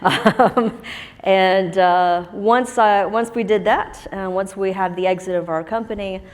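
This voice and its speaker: A woman's voice: medium pitch, steady tone, measured pace. A woman speaking on a conference panel in a chatty, self-deprecating way with many fillers, from Huntsville, Alabama. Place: conference stage with long hall reverb. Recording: reverberant conference hall.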